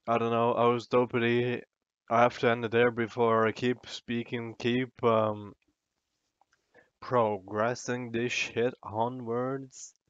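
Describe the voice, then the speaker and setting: A man's voice: medium pitch, level tone, takes it slowly, clear, resonant tone, no room sound, highs cut off. A drunk man in a casual, sweary, meandering and self-deprecating ramble to the camera, as a vlogger does.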